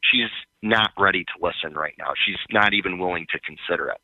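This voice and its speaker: A man calling in to a radio show over a phone line, talking in a hesitant, halting way with many fillers. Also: low voice, no echo. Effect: heard over a phone line. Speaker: caller. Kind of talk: call-in conversation. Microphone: phone held by the caller.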